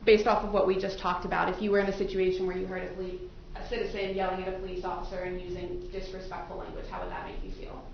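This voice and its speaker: Fast and with few pauses, a woman with a low, creaky voice works as an attorney questioning a jury panel in a large indoor courtroom, politely pressing the prospective jurors and repeating their answers. The sound comes from a distant mic, heavily echoey, muffled, and faintly noisy.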